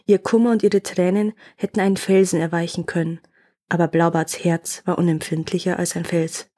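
A woman storyteller hosting a podcast, reading an old fairy tale aloud in a calm, measured way. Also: fairly low pitch.

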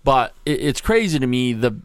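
A man co-hosting a casual podcast, talking in a relaxed, measured way and giving advice. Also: mid-range voice, clean tone, no room sound, studio quality. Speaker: podcast co-host. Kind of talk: casual chat.

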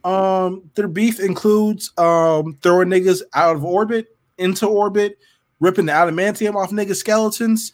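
A man's voice: sits high, fairly even intonation, moderate pace. A man co-hosting a casual comic book podcast, riffing playfully with crude, slangy frat-bro banter. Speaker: podcast co-host. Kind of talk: casual comedic chat about comic books.

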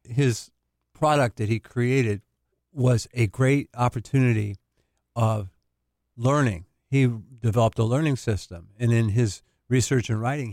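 A man's voice: medium pitch, darkish tone, no echo, clean studio sound. A male counselor talking casually on a radio show, explaining and laughing easily. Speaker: family counselor, guest.

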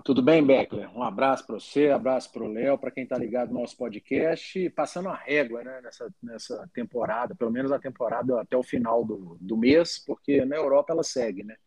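A man's voice: mid-range voice, fairly quick, few pauses, a little mellow, breathy edge, no room sound, rough recording. A Brazilian man chatting casually as a football podcast commentator. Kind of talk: casual chat.

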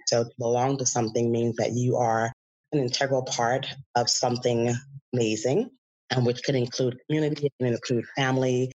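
A woman from the Bahamas, a guest who is an educator and author, speaking candidly and reflectively in an interview, with soft fillers. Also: rumbling low, dull audio.

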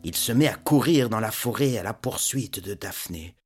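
A man telling a myth aloud in an expressive, measured storytelling voice. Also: fairly low pitch, slightly rough. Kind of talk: storytelling narration. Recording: narration over guitar music.

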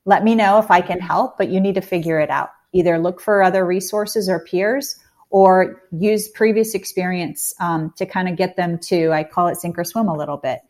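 Conversational woman guest, low voice. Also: fairly even intonation, moderate pace, a little mellow. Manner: conversational, fillers, emphatic, laughs easily. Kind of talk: casual interview chat.

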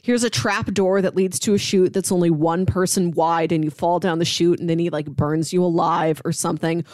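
A woman with a fairly low, darkish voice speaks at a moderate pace with fairly even intonation in a dry recording. Co-hosting a podcast, she explains things enthusiastically in a casual comic book discussion, using "like" a lot.

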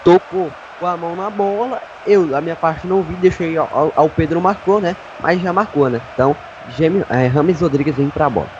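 A man's voice: a little high, normal speed, hardly any pauses, darkish tone. A Brazilian man giving match analysis as the second voice on a radio football broadcast. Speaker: football commentary sidekick. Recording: dull lo-fi audio, faint background noise.

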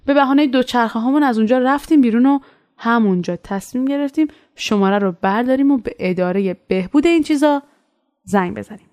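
High-voiced woman telling a childhood story. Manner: conversational, animated when quoting. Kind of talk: casual spoken storytelling.

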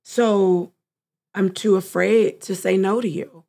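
Warm, creaky and mid-range, her voice stays steady as she takes things slowly while co-hosting a casual conversation as a therapist. She's reflective and often speaks as a client would to get an idea across.

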